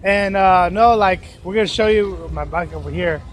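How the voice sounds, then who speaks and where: A man's voice: high-pitched, moderate pace, slight background noise. A man hosting his own podcast, chatting outdoors at a plaza in a rambling, dramatic, oversharing way. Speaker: podcast host. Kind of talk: casual outdoor vlog chat.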